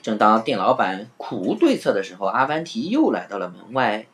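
A woman storyteller narrating a children's tale in a calm, gentle voice. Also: extremely low pitch, fairly quick. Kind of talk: reading a children's story aloud.

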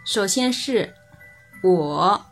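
A woman's voice: medium pitch, animated, faint music behind. Patient woman teaching pronunciation. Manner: patient, repeats example words slowly for practice. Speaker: language teacher. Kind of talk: explaining Japanese pitch accent.

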